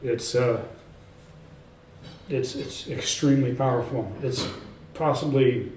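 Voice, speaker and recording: A man being interviewed about his own work, talking in a loose, rambling way full of fillers and restarts but sure of himself and emphatic. His voice is mid-pitched and mellow. He sits a little back from the mic in an echoey indoor room, with a faint hum of ambience behind him. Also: slow, far from the mic. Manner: emphatic, self-assured. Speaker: author and researcher, interview guest. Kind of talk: casual in-person interview.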